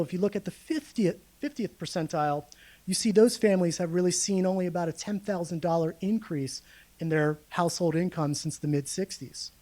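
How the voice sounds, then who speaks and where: A man with a high, warm voice speaks live to a room as a guest researcher giving a public lecture. He walks through data in a relaxed, conversational way, checking in with his audience as he goes.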